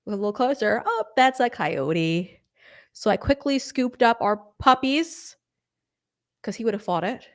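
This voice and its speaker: A young woman hosting a live stream, chatting casually and rambling through viewer comments with quick apologetic asides. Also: a little high, lively intonation. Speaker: host of a political live stream.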